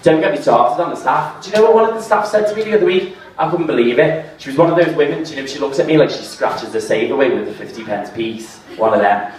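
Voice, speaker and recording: A man doing a stand-up set, deadpan at times and rising into exasperated rants. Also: medium pitch, quick pace, few pauses. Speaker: stand-up comedian. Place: comedy pub venue with audience. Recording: echoey room, voice from far off.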